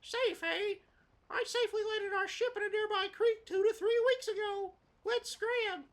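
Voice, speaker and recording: A man voicing an excitable, bossy female bat sidekick from a video game in a shrill falsetto. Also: normal speed. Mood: brash.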